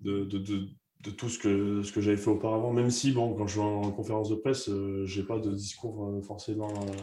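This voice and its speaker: A man's voice: fairly low pitch, little pitch movement, brisk, mellow, a little hiss or hum. A young man, a rugby player, talking candidly in a casual chat with many restarts.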